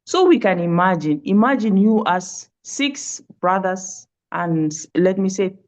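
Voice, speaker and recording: A woman's voice: mid-range voice, lively intonation, unhurried, a little mellow. A woman from South Sudan answering interview questions on a webinar, hesitant and searching for words. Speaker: pastoral care and trauma healing worker. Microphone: video call. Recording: dull lo-fi call audio.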